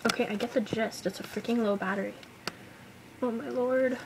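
A woman's voice: fairly high pitch, steady tone, normal speed, creaky, very noisy. A young woman vlogging an album unboxing at home, gushing and exclaiming, sometimes dropping to a whisper. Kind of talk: excited unboxing chatter.

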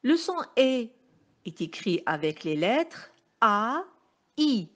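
A primary school teacher with a Moroccan French accent leads a slow phonics lesson for young pupils, articulating and repeating each sound with care. Her voice is on the high side and very animated.

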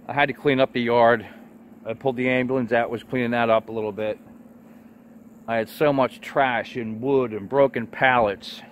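A man's voice: mid-range voice, fairly bright tone, a little hiss or hum. A man vlogging about his homestead chores in a casual, rambling, plainspoken way. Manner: laid-back, plainspoken, mild cursing.

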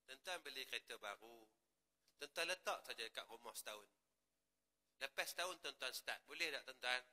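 Man, Malaysian Malay accent, mosque sermon, very bright tone, animated delivery, long hall reverb. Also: medium pitch, normal speed. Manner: animated preaching, swings from quiet asides to loud rising exclamations. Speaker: religious teacher. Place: prayer hall.

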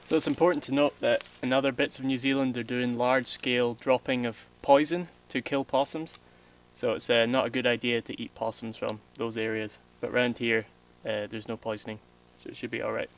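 A young man explaining bushcraft in a relaxed, casual way, outdoors in a forest on an action camera. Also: medium pitch, fairly quick, slight background noise, poor audio. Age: young adult. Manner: relaxed, explanatory, dry humor. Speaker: vlogger. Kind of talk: casual outdoor vlog narration.

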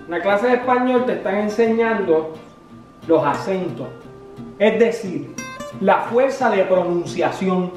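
A man plays an exasperated dad turned teacher in a comedy sketch, scolding in a very roomy, echoing space. He sits back from the mic, and soft music runs under him. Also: sits high, lively intonation, a little slow, far from the mic. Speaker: comedian playing a dad homeschooling his kid.

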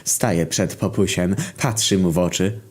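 A man reading a crude internet story aloud in deadpan, profane second-person narration. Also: low voice, a little slow. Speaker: story reader.

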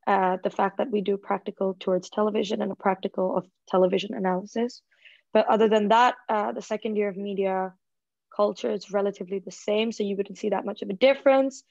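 A woman's voice: medium pitch, no echo. Woman, 21, from Singapore, casual student presenter, chatty filler-heavy talk, dry muffled call audio. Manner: chatty, lots of likes and ums. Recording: dull, lo-fi video call audio.

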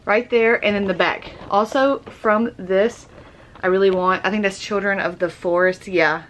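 A young woman talks through an unboxing in a chatty, excitable way, gasping with delight now and then. Her voice sits at a middling pitch. There is a faint hiss of noise behind her at home. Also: normal speed. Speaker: YouTuber. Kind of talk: casual unboxing vlog.

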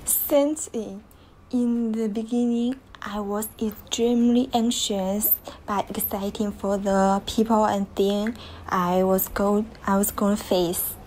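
A woman student giving a hesitant practice answer in English, halting and restarting. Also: mid-range voice, fairly even intonation, a little mellow, slight background noise.

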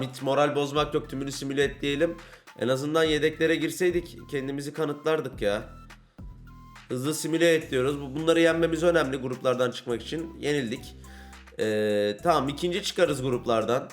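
A young man giving casual commentary on a football video game, getting frustrated, ranting and shouting at big plays. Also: medium pitch. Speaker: gaming YouTuber.

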